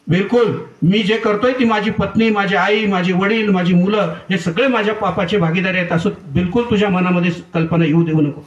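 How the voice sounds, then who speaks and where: A man's voice: high-pitched, fairly even intonation, brisk, few pauses, lo-fi sound, natural voice. A man voicing a fierce male forest robber who boasts of his killings and threatens his listener, told within a devotional story. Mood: threatening. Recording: echoey room heard from far off.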